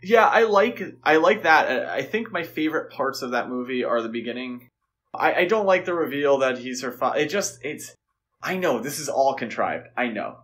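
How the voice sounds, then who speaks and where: A man co-hosts a podcast, casually sharing his opinions on films in conversation. His voice is mid-range with a fairly bright tone and lively intonation, and he keeps a moderate pace.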